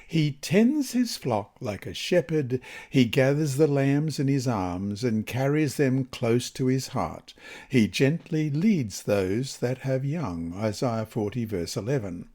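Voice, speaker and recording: An Australian man reads a devotional Bible study lesson aloud in a soft, mellow voice. He goes at a measured, deliberate pace, and his pitch rises and falls lively to give the scripted text and scripture an expressive shape.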